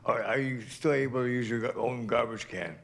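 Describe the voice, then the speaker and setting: A man's voice: mid-range voice, a little fast, creaky, a bit bright. A man asking informal questions at a meeting. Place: indoor council meeting.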